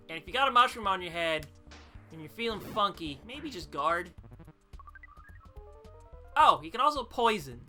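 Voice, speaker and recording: Bright, lively woman doing gameplay commentary. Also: sits low. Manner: chatty, thinking aloud with frequent fillers. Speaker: let's-play host.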